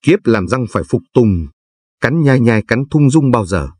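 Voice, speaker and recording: A man reciting as a gentle talking tooth. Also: medium pitch, big pitch swings, a little slow, husky, dry recording, studio quality. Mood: pleading. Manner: soft sing-song verse chanting.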